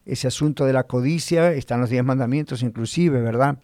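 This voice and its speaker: A man delivers a sermon in a measured teaching voice, pausing to pose rhetorical questions to the congregation. His pitch sits in an ordinary middle register. The sound is dry and close, with no room echo. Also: mellow. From Spanish-speaking, living in the United States. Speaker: pastor.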